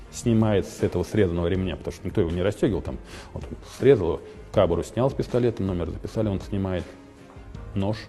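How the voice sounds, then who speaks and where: A man recalling his war service as an eyewitness, telling it haltingly in short, clipped phrases. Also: deep voice, warm tone. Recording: very echoey hall, music behind.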